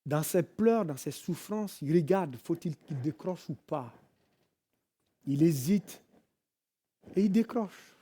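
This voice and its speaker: A man with a French accent preaching in church, telling a story dramatically, moving from hushed tones to loud cries and bits of sung hymn. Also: a little high, lively intonation, slow, pauses often, breathy edge. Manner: dramatic storytelling, swelling from hushed to shouting and singing. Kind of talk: sermon storytelling.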